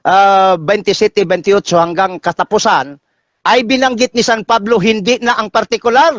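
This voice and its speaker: A Filipino man argues his case in a heated debate, insistent and quick to cut in. His voice sits high. The sound is dry and a bit muffled. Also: steady tone, a bit bright, no room sound. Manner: insistent, cuts in to answer.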